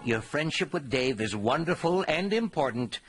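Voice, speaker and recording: Husky, kindly cartoon uncle. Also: male voice, on the high side, animated, moderate pace, faint music behind. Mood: consoling. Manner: patient, earnest, reassuring. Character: kindly, gentle middle-aged uncle giving fatherly advice. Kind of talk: animated cartoon voice acting.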